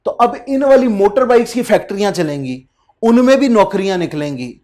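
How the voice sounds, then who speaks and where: With a high-pitched, expressive voice and a darkish tone, a Pakistani man in his thirties gives a conversational accountancy lecture. He reads English passages slowly and asks his class rhetorical questions.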